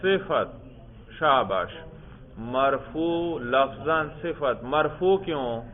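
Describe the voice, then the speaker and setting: A man's voice: mid-range voice, animated. A man teaching a grammar class who questions his students, repeats their answers and praises them. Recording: tinny phone-like classroom recording.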